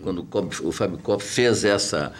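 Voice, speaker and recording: A man's voice: low voice, moderate pace, slightly rough. A man from southern Brazil, emphatically explaining football business as a guest on a talk show.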